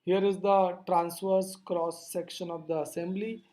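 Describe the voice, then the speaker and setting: The speaker is a physics lecturer working through slides, teaching in a careful, measured style where each question posed gets its own answer. Pitch sits in the middle, the tone stays level, and the sound is mellow.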